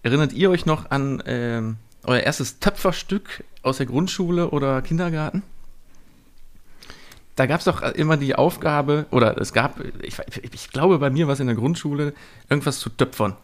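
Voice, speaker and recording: Male co-host, casual chat, quick teasing quips, mid-pitched voice. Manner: quick joking interjections. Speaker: podcast co-host.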